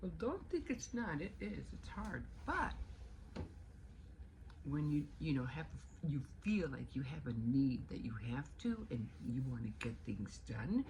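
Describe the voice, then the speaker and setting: Toothless-sounding woman chatting casually, lowish voice. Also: sing-song, measured pace, darkish tone. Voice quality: toothless speech, without dentures. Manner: rambling, talking low at times. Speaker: vlogger. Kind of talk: casual morning chit-chat. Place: indoors at home, bedroom. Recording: noisy home recording.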